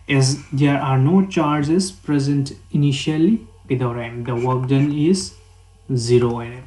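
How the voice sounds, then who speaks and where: A man's voice: mid-range voice, warm tone. A man with a Manipuri accent teaching physics, reading out definitions, then explaining them step by step and repeating key phrases. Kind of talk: classroom lesson mixing read-out definitions with explanation. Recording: roomy, echoing voice recording.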